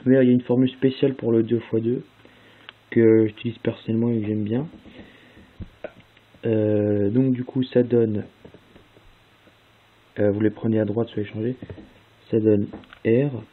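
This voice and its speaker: A man's voice: lowish voice, flat delivery, moderate pace, pauses often. A young man casually explaining a puzzle-solving method step by step, with fillers along the way. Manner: casual, spells out move sequences step by step with fillers. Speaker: speedcubing tutorial host. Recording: tinny lo-fi phone-like audio with faint hiss.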